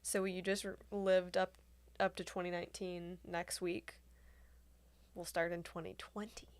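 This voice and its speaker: A woman's voice: on the low side, little pitch movement, a little slow, dry recording. Young woman co-hosting a chill podcast, playful and laughy, dry close sound. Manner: chatty, playful, laughs often. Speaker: podcast co-host. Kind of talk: casual chat.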